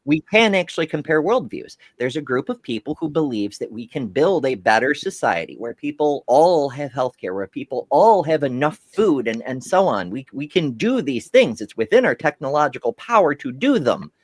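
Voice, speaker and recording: Swearing, lively-voiced man. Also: medium pitch, moderate pace, hardly any pauses, dry recording. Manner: profane, rambling storyteller. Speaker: podcast co-host. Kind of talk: casual chat.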